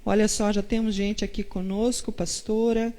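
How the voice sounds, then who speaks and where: A woman's voice: mid-range voice, flat delivery, normal speed, mellow. A woman pastor hosting a live-stream chat, greeting viewers and asking her guest questions. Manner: fervent prayer, then chatty greetings to viewers.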